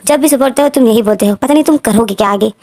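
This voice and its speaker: A woman's voice: fairly high pitch, very fast, mellow. A woman storyteller voicing a stern middle-aged father who lectures his son dismissively.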